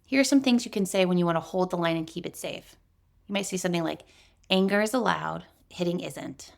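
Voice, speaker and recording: A woman hosting a parenting podcast, giving steady, step-by-step scripted talk. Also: on the low side, fast, creaky. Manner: steady, instructive, lists steps.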